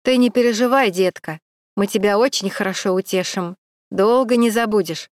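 A woman's voice: mid-range voice, moderate pace, dry recording, lightly acted. Woman reading a leering drunk sidekick lout, goading, dry close audiobook sound. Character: tipsy leering young male thug, the sidekick.

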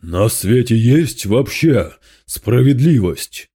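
A man's voice: medium pitch, big pitch swings, slow pace, mellow, breathy edge, exaggerated voice. A man reading aloud, voicing a spiteful male demon lord who hisses and gloats with scorn. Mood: menacing.

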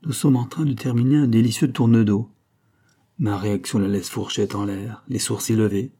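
Husky low-voiced male narrator. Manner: calm, measured storytelling. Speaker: audiobook narrator. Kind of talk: scripted first-person novel narration.

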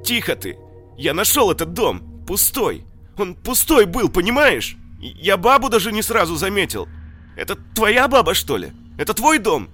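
A man reading an audiobook, voicing a crude adult male looter who shrieks and babbles in a high, shrill, hysterical voice. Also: sing-song, normal speed, fairly bright tone, soft background music. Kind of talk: audiobook character voice.

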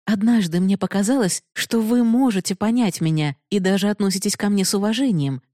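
A woman's voice: medium pitch, a little fast, warm tone, dry recording, clean studio sound, voice pushed up, lightly acted. A woman voicing a proud, passionate young woman who pleads bitterly for love, raised and emotional. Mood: pleading, bitter.

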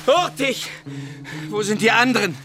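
An actor playing an agitated robber bringing urgent news in a radio play. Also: male voice, very high-pitched, animated, noisy background. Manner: urgent, hurried. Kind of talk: classic radio play acting. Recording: music playing strongly underneath.

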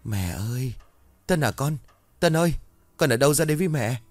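Man doing a frantic, shrill young mother. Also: expressive, fairly quick, darkish tone, no room sound, soft background music, close to an everyday voice. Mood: desperate calling. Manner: shrill, sobbing outbursts.

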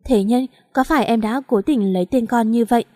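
A woman's voice: a little high, a little fast, dark tone, no echo, clean studio sound, natural voice. A woman voicing a heartbroken young husband who speaks bitterly and accusingly, choked with regret. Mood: tearful.

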